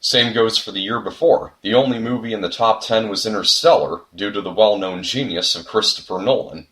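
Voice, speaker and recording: A young man with a lowish voice delivers a scripted video essay. He sounds earnest and reflective, and now and then he breaks into a sudden comic outburst. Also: brisk, fairly bright tone. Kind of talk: scripted commentary narration.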